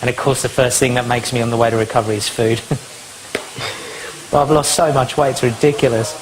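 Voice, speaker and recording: A man speaks in a mid-range voice, casual and upbeat, poking fun at himself. He sounds slightly winded. The kitchen recording carries a steady, noticeable noise. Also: medium pitch, brisk. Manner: chatty, upbeat, self-mocking. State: out of breath. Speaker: reality show participant. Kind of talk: casual talk to camera. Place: home kitchen. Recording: noisy home recording.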